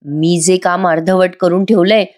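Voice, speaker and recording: A woman's voice: lowish voice, steady tone, moderate pace, a little mellow, close to an everyday voice. A woman voicing a guilty scheming husband who panics and snaps irritably. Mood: irritable.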